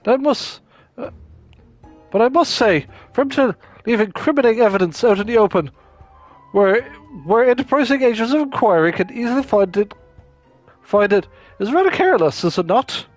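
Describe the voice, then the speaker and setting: A man's voice: on the high side, fairly even intonation, moderate pace, a bit bright, faint music behind, natural voice. A man voicing a fussy, self-assured male investigator from a game, in a put-on accent with stilted formal delivery. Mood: self-satisfied.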